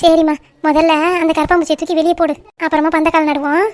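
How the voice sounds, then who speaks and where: A woman voicing a scheming, bossy middle-aged village aunt in a cartoon, scolding sharply and turning shrill when frightened. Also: flat delivery, fast talker, natural voice. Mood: mocking. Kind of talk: cartoon voice acting.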